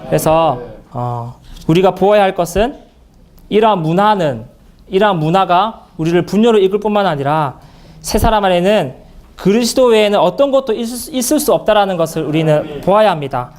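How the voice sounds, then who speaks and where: A man speaking at a church Bible seminar in an earnest, halting way, with many fillers and restarts. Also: high-pitched, expressive, a little mellow.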